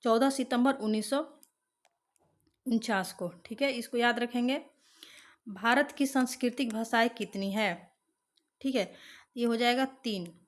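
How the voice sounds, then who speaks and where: A woman's voice: fairly high pitch, unhurried, long pauses. A young woman teaching an exam-prep lesson, reading out questions, repeating them and explaining the answers.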